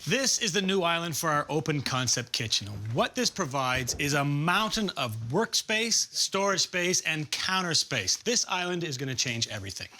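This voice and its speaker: A man's voice: fairly high pitch, big pitch swings, moderate pace, few pauses, pushed and bright, a little hiss or hum. A man hosting a home renovation show, joking with his co-host and walking homeowners through the new space. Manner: joking and upbeat, explains the renovation. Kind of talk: casual chat. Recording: background music.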